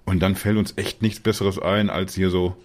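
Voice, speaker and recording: A man's voice: deep voice, level tone, normal speed. A man co-hosting a podcast, chatting casually and jokingly with some hesitant restarts, calling in from home. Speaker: podcast co-host. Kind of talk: casual chat. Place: home in Dortmund, remote.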